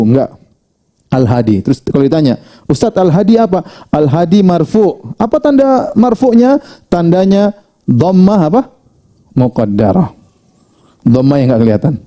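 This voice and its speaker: A man teaching an Arabic grammar lesson, drilling with rhetorical questions, reading example phrases out slowly, and rising high for questions before dropping low for the answers. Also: warm tone. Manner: pitch swings widely between questions and answers. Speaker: Islamic studies teacher.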